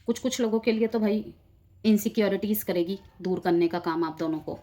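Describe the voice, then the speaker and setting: A woman with a medium-pitched, dark voice speaks briskly while doing a collective tarot reading. She walks her viewers through the cards directly, moving back and forth between Hindi and English.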